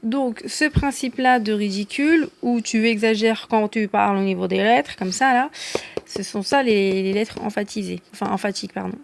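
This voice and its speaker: A woman's voice: medium pitch, moderate pace, creaky, a little hiss or hum. A woman giving a casual video lesson as a language teacher, chatty and self-deprecating, with frequent hesitations and an encouraging tone. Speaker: Arabic teacher.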